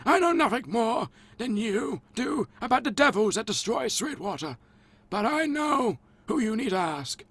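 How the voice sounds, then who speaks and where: Man voicing an old wizard mentor in a game, high reedy old-man voice, rambling and absent-minded, dry throat. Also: sing-song, moderate pace, fairly bright tone, breathy edge, heavily acted. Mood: wise.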